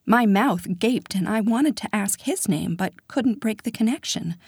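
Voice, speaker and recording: A woman reading a first-person romance story, soft and intimate, often dropping to a whisper. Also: medium pitch, animated, a little slow, husky, dry recording, studio quality. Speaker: audiobook narrator.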